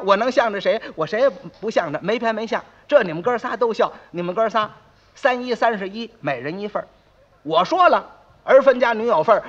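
A man with a Beijing accent voicing a shrewd, even-handed older woman who talks briskly and matter-of-factly. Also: sits high. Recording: dull lo-fi recording.

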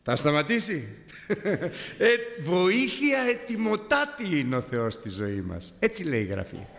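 A man preaching a sermon, animated, climbing to high exclamations and dropping low as he tells a story. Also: gravelly, big-room sound.

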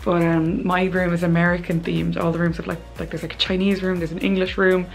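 A woman with a fairly low voice narrates her travel vlog casually and chattily. She gushes freely and scatters "like" through her sentences while clear pop music plays behind her. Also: level tone, brisk, low-quality recording. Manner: chatty and gushing, many "like" fillers. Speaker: travel vlogger.

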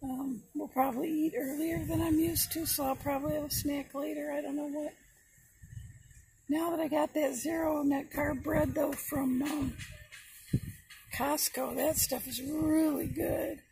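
A woman vlogger chatting casually from a car, rambling with many pauses and restarts, her voice going hoarse. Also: sits high, steady tone, dark tone, faint music behind, low-quality recording. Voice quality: gravelly, creaky voice. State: losing her voice. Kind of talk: casual vlog chat.

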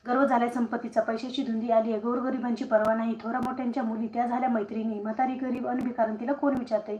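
A woman's voice: on the high side, flat delivery, fast talker, a little mellow, natural voice. A woman voicing an angry poor old woman, a goddess in disguise, in a storybook tale, scolding and indignant. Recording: roomy echo, faint noise.

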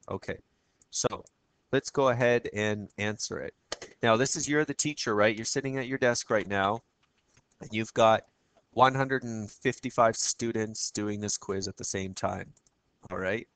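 A man with a froggy, croaky voice giving a casual screencast tutorial as a teacher, chatting through each step and often checking in with "okay?". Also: lowish voice, unhurried, fairly bright tone, no room sound.

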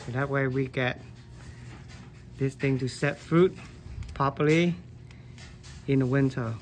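Speaking slowly in a steady, medium-pitched voice, a male gardening vlogger demonstrates hand-pollinating plants in his basement grow room. He holds a phone camera on his hands and chats loosely, leaning on "like" and "um."

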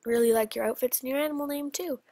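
Bubbly chatty young woman with gravelly fry. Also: high voice, mellow, no room sound. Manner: bubbly, chatty, quick gasps of delight. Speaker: channel host. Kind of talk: casual game commentary.

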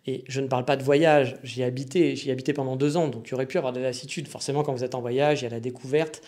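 A man's voice: medium pitch, steady tone, rapid-fire, a little mellow. Chatty French man hosting a podcast. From France. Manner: joking, chatty, many fillers and restarts. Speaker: podcast host. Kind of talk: casual solo podcast monologue.

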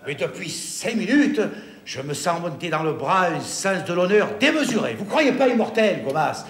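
Brief: a hesitant son turned braggart; slightly high voice, roomy studio sound. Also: male voice, big pitch swings, moderate pace, a bit bright. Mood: defiant. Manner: hesitant, then boastful and mock-heroic. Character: young son torn over a duel, mock-heroic. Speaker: sitcom actor playing Rodrigue in a parody.

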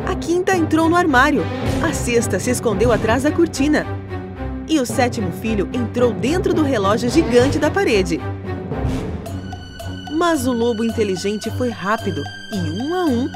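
A woman narrates a children's cartoon tale in a bright, somewhat high voice with big, lively swings in pitch. Her delivery is expressive and animated, and background music plays clearly underneath.

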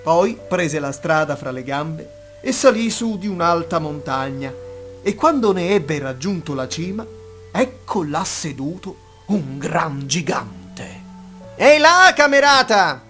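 A man telling a bedtime fairy tale with a fairly high and very animated voice. His reading is expressive and full of life. Soft instrumental music plays quietly behind him. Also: slow pace. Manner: expressive, lively storytelling. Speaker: storyteller.

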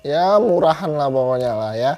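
A man's voice: fairly high pitch, expressive, moderate pace. A young man giving a casual product review to camera, chatty and repeating phrases for emphasis, on a lapel mic indoors. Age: young adult. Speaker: YouTuber reviewing gear. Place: small room indoors. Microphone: clip-on lapel mic.

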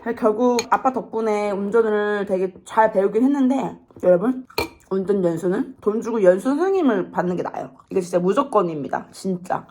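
A young woman in her twenties chatting casually in a vlog, telling stories with expressive swings in her voice. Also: mid-range voice, brisk, slight background noise. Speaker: vlogger.

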